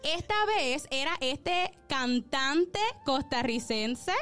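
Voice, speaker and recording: A woman telling a story on a podcast in a casual, animated way, often laughing and calling out to her audience. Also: sits high, slow. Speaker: podcast co-host.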